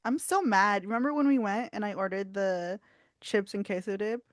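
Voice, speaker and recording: A young woman co-hosting a casual podcast, telling animated stories, swearing freely and laughing often. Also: medium pitch, normal speed, no echo, studio quality. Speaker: podcast co-host. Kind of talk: casual chat.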